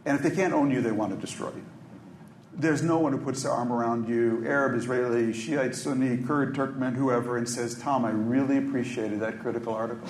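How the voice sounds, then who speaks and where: Speaking briskly in a mid-range voice with fairly level intonation, a journalist from Minneapolis, USA, shares considered thoughts on a conference panel, often saying um and starting over. It was recorded in an echoey hotel conference room with slight noise.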